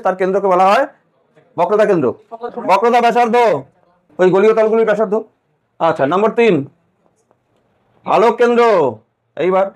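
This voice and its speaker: A man teaching physics in a classroom lecture, asking the students questions and repeating key points. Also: high-pitched.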